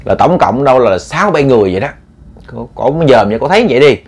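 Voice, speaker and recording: A man's voice: mid-range voice, big pitch swings, rapid-fire, husky. Man telling a ghost story. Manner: colloquial, meandering, repetitive.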